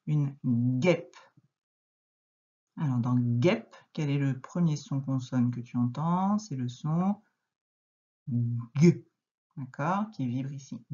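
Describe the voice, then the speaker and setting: Slow, patient woman teaching phonics. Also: rumbling low, lively intonation, dull audio. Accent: French. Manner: gentle, encouraging, pauses and repeats words slowly. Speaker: primary school teacher. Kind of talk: slow, patient phonics lesson for young children.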